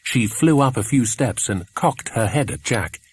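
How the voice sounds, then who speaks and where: A man reading a children's adventure audiobook aloud in measured, expressive narration. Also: mid-range voice, slightly rough. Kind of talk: scripted storybook narration.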